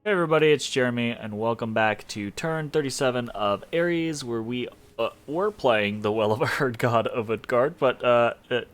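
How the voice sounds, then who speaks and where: A young man, congested and sniffly from allergies, gives loose, rambling commentary on a strategy game, full of fillers and little laughs. His voice sits in the mid range and he talks at a normal speed with hardly any pauses.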